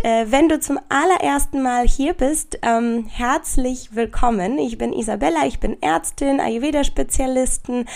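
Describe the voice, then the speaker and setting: A woman hosting a podcast, chatting effusively and directly to the listener, her voice raspy, sniffly and stuffed up from a heavy cold. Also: high voice, darkish tone. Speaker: podcast host. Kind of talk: casual solo podcast talk addressed to the listener.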